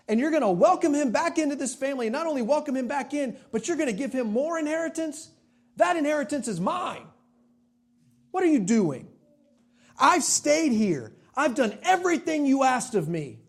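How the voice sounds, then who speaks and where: A man's voice: extremely high pitch, lively intonation, normal speed, gravelly, pitched above the performer's own voice, full character voice. A man voicing a resentful, indignant older brother, a young man hurling accusing complaints at his father in a sermon retelling.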